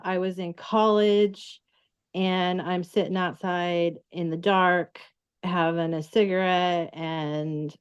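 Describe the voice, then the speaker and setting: A woman talking casually as a guest, halting with many fillers and restarts. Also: on the low side, clear, resonant tone. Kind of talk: casual recorded conversation.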